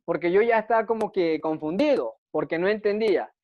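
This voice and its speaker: A man with a high voice preaches his own testimony, earnest and repetitive, asking himself questions and answering them. The recording is dry and dull, with no room sound and a muffled lo-fi tone. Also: a little fast, no room sound. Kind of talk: testimony sermon.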